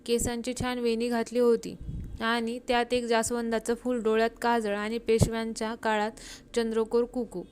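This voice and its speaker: Woman storyteller with a flat, even read. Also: fairly high pitch, normal speed, a little hiss or hum. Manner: steady, even reading with small slips. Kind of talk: story narration.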